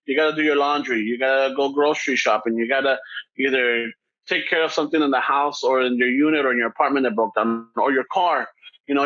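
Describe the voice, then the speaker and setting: Animated man, lo-fi recording. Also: on the high side. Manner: rambling, animated storytelling with profanity. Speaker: podcast co-host. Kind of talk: casual chat, switching between English and Spanish. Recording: dull lo-fi sound.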